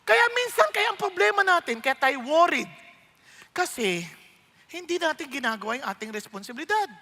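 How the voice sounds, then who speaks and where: High-voiced, bright Filipino pastor preaching. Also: male voice, moderate pace, in a large hall. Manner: lively storytelling, acts out voices, asks the audience questions. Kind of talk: sermon.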